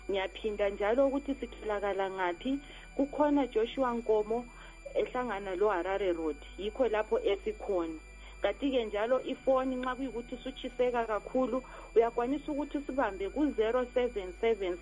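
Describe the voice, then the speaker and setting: A woman's voice: fairly high pitch, darkish tone, poor audio. A woman with a Zimbabwean accent answering listeners' questions as a radio guest, explaining details step by step. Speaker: radio guest, organisation representative.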